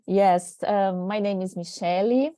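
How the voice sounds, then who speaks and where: A woman's voice: medium pitch, unhurried, warm tone, no echo, clean studio sound. A woman from Brazil introducing herself on a webinar video call, friendly and giggly. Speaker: committee member introducing herself.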